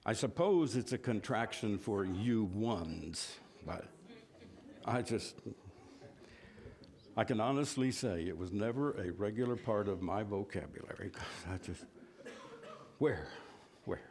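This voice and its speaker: Low-voiced man teaching a Bible class. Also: expressive, unhurried, darkish tone. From West Virginia. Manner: folksy, self-deprecating, asks the class questions. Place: church classroom.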